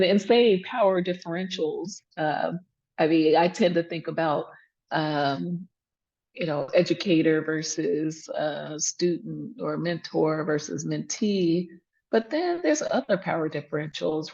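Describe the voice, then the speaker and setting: A woman's voice: deep voice, gravelly, darkish tone, husky, muffled recording. A woman leading a laid-back workshop, chatty, with lots of fillers and restarts. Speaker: workshop presenter, emergency physician.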